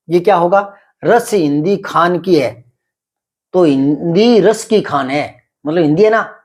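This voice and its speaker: A middle-aged man teaching Hindi grammar, explaining patiently, repeating example sentences slowly and quizzing a pupil. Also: a little high, a little mellow. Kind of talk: classroom grammar lesson.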